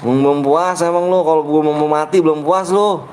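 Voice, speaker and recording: Young male game streamer with a Betawi accent, slightly high voice, slangy and squabbling. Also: steady tone, brisk, darkish tone, slight background noise. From Jakarta, Indonesia. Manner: grumbling, slangy, bickering with chat. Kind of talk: casual live-stream chat.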